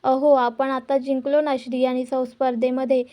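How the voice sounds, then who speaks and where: A woman's voice: high-pitched, level tone, moderate pace, mellow, lightly acted. A woman voicing a young wife who speaks firmly and earnestly for her family. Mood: firm pleading. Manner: firm and earnest. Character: firm, devoted young wife pleading for family.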